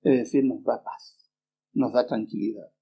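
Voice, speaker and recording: A middle-aged man preaching a sermon, earnest and unhurried, often pausing with small hesitations as he tells a personal story. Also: mid-range voice, fairly even intonation, warm tone, breathy edge. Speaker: preacher and Bible teacher. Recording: dull lo-fi remastered recording.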